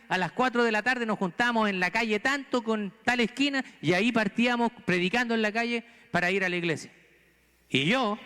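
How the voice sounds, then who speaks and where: In a church sanctuary, a pastor from Chile with a Chilean Spanish accent preaches earnestly, pressing the congregation with rhetorical questions. His voice is high-pitched, sharp and smooth, and the sound is that of a large hall.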